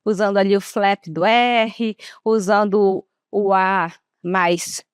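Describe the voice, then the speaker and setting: A woman English teacher with a Brazilian accent, giving a classroom lesson and slowly drawing out words for students to repeat. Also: mid-range voice, steady tone, smooth, dry recording, clean studio sound. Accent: Brazilian Portuguese. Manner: slow, drawn-out modelling of words for students to repeat.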